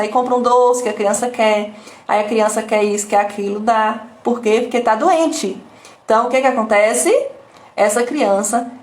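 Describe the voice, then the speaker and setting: A woman coach with a Brazilian Portuguese accent, giving a live talk that she fills with rhetorical questions and tag questions. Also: fairly high pitch. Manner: explanatory, repetitive teaching tone. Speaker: emotional intelligence coach. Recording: roomy echo.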